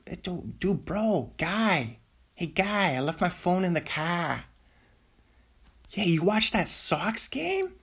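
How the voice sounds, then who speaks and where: A man putting on a brash young Boston bro with an exaggerated Boston accent, speaking loud and high and piling on slang like "bro" and "man". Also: very animated, slow pace, breathy edge, heavily acted. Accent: put-on Boston accent.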